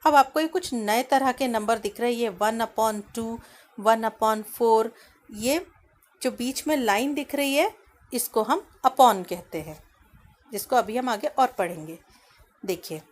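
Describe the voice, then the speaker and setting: A woman with a fairly high voice teaches a children's maths lesson. She asks the class questions and then answers them herself. She slows down to read lines from the book. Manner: reads English lines from the book slowly. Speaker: primary school teacher.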